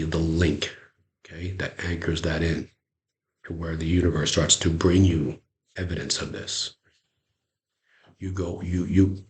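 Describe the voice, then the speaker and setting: A man giving a motivational talk, earnest, repeating phrases with pauses. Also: sits low. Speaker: motivational speaker.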